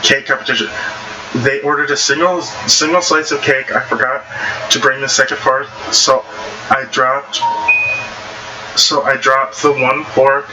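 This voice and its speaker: Speaking at a medium pitch with a steady, unhurried delivery and long pauses, a man reads online stories out loud. He occasionally fumbles words and adds frank, slangy commentary while background noise fills the clip.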